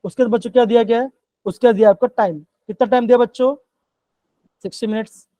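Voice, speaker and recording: A man leads a live online chemistry class and keeps checking in with his students in a coaxing way. His voice is mellow and darker in tone, and it sounds dry and close, as if through a call mic. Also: extremely high pitch, steady tone, quick pace, no echo, poor audio. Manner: coaxing, repeats "bachchon" and "theek hai". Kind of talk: live online class in Hindi-English mix.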